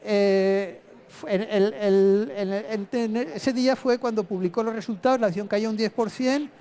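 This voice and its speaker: A man's voice: high-pitched, fairly even intonation, normal speed, mellow. A man giving a live presentation to an audience as an invited investor, explaining his reasoning in a plain-spoken way and thinking aloud.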